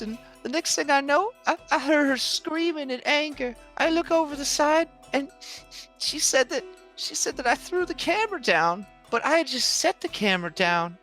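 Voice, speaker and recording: Man putting on a high, folksy, plaintive pony. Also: bright, forceful tone, full character voice, poor audio. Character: earnest, hurt, folksy sporty pony in a quarrel.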